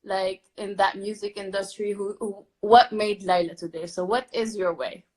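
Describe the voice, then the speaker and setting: A woman's voice: mid-range voice, steady tone, moderate pace, darkish tone, low-quality recording. A woman hosting an online talk series over a video call, enthusiastic, with frequent "literally" and "uh". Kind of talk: interview host chat.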